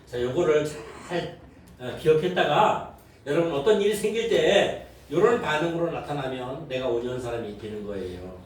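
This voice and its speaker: Male pastor, slightly high voice, lively interactive sermon style; heard from far off in a very reverberant church with faint background noise. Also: moderate pace. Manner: interactive preaching, quizzing the congregation, acting out worldly reactions. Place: church sanctuary.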